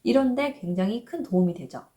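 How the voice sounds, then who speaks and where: A woman in her thirties explaining parenting advice in a gentle, reassuring way, sometimes voicing the worried thoughts of parents and children. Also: mid-range voice, lively intonation, fairly quick. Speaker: parenting educator.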